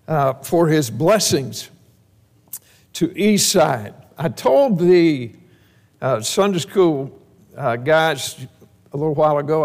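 A man's voice: sits high, darkish tone. A man, preaching a homecoming sermon as pastor and telling folksy, joking stories. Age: 70s. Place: church sanctuary. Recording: reverberant church hall.

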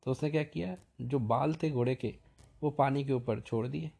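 A man's voice: mid-range voice, moderate pace, creaky, slightly rough. Brief: male folk storyteller, Madhya Pradesh accent, casual and repetitive. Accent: Madhya Pradesh Hindi. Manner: relaxed, repetitive oral storytelling. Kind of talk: casual folk tale narration.

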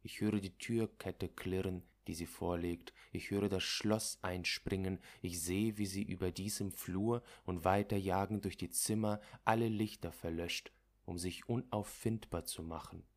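Deep-voiced man reading literature aloud. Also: fairly even intonation. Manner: measured, dramatic storytelling. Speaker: narrator.

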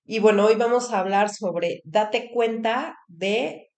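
A woman's voice: medium pitch, takes it slowly, darkish tone. A woman hosting a casual faith-based talk show, welcoming listeners and guiding the talk. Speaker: host.

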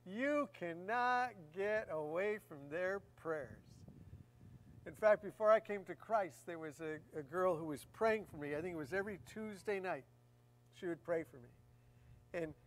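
A woman's voice: fairly low pitch, measured pace, slight background noise. A woman preaching a sermon in a conversational way, often repeating key phrases for emphasis.

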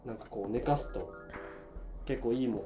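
A man's voice: medium pitch, normal speed. A man co-hosting a podcast in casual, colloquial chat, with a teasing streak. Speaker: podcast co-host. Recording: music playing behind. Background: background music.

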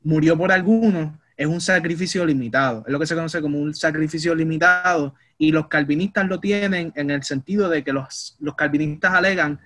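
A man in a casual podcast debate, animated and acting out quoted voices. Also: on the high side, fairly quick, hardly any pauses. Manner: animated, acts out quoted voices, calls others papi. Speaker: podcast co-host.

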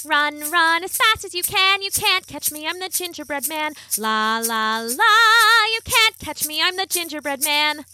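A woman's voice: sits high, animated, normal speed, bright, forceful tone, no echo, faint music behind, voice pushed up. A woman voicing a cheeky runaway gingerbread cookie boy in a taunting sing-song chant.

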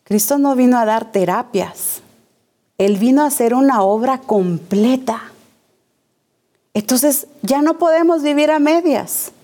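A woman preacher delivering a sermon in a fairly high voice. She takes her time, stressing each phrase and circling back to repeat the key words. She puts rhetorical questions to the congregation. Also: animated, measured pace, warm tone.

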